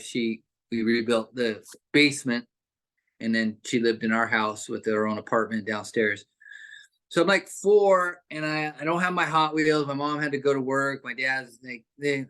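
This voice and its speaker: A man's voice: mid-range voice, sharp tone. A man casually telling a childhood story on a video call, rambling, with many fillers and restarts. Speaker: group participant.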